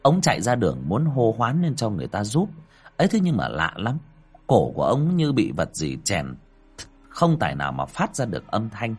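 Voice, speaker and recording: A man's voice: on the low side, huge pitch swings, normal speed, husky. A man narrating a ghost story expressively.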